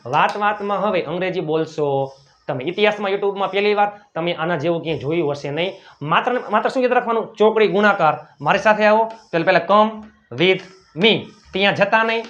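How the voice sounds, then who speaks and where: A high-pitched man with a Gujarati accent runs a spoken English lesson. He drills short phrases, saying each one more than once. The sound is dull and muffled. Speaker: English teacher.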